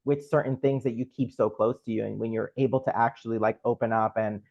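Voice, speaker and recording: A man's voice: mid-range voice, fairly even intonation, fast talker, vocal fry, no echo. A man hosting a podcast interview, asking questions and affirming his guest. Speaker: podcast host. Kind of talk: conversational interview. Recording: dry, slightly dull sound.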